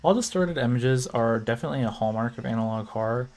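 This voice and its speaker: A young American man with a medium-pitched, slightly mellow voice talks fast as he narrates an opinionated commentary video. He's a video essay creator, emphatic and sometimes exasperated, with music playing behind him.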